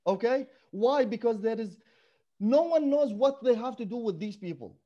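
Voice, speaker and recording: Male guest, activist; high, warm voice; emphatic, English; slightly muffled recording. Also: expressive, normal speed. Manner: earnest and emphatic, non-native English with broken grammar. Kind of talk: conversational interview.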